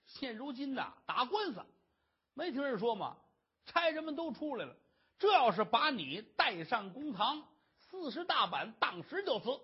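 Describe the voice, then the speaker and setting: Brief: storyteller as a sly male schemer, urgent, husky, lo-fi. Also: high voice, sing-song, normal speed, pitched above the performer's own voice, full character voice. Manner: urgent, scaremongering. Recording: dull lo-fi recording.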